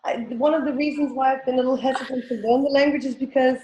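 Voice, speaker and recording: A Danish woman in her forties, a native speaker with a Danish accent, talks casually as an interview guest; she's a teen coach and business owner who hesitates and corrects herself. Her voice is high, a little mellow and fairly even, and she speaks fast. The lo-fi audio is roomy and echoing, with a little hiss or hum.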